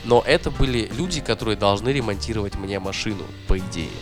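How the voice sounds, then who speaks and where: A man with a lowish voice talks fast over background music, a podcast co-host telling a story in a casual way. He's worked up, swearing often as he rants with animated profanity.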